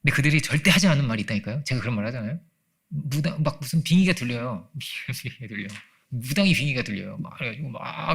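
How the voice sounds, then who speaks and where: A gravelly, husky-voiced man preaches a Sunday sermon at a brisk pace. He talks with his congregation more than at them, firing off rhetorical questions and acting out quoted voices. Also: mid-range voice, pushed and bright. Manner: acts out quoted voices, laughs often. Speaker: pastor. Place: church sanctuary.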